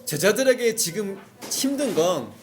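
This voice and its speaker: A man's voice: sits high, very animated, a little slow. A male pastor giving a conversational sermon, telling the story vividly and asking the congregation questions. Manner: acts out cries of the characters.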